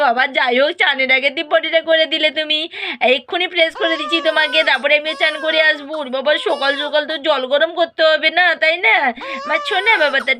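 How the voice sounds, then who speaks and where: A woman voicing a busy young mother doll in a homemade doll-play video, fussing quickly and slipping into baby talk. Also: high voice, pushed and bright, slight background noise.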